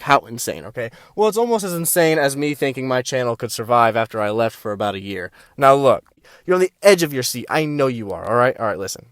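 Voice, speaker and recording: A young man vlogging a story to camera in a casual, profane way, checking in with the viewer and jumping between hushed asides and loud bursts. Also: medium pitch, clear, resonant tone, no echo, clean studio sound. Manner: repeats "okay?" and "all right?" to the viewer. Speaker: vlogger telling a drug trip story.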